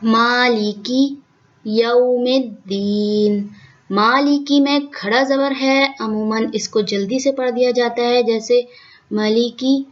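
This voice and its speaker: A woman teaching Quran recitation, speaking deliberately and drawing out sounds to demonstrate correct pronunciation. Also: a little high, steady tone, muffled recording. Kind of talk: tajweed lesson.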